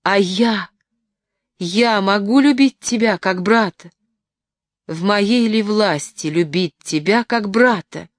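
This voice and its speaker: A woman's voice: on the low side, unhurried, no room sound, clean studio sound, natural voice. A woman reading aloud voices a guilt-ridden married noblewoman and mother who speaks with passion. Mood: impassioned. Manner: impassioned, exclaiming.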